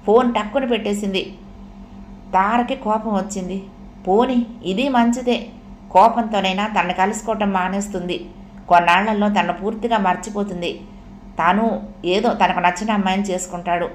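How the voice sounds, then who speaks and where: A woman narrating a full novel as an audiobook, in a steady, measured storytelling manner. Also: medium pitch, slight background noise. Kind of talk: novel reading. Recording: roomy echo.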